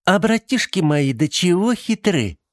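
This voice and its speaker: Man doing a very high, chattering young girl, proud and boastful, storybook voice. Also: sing-song, a little slow.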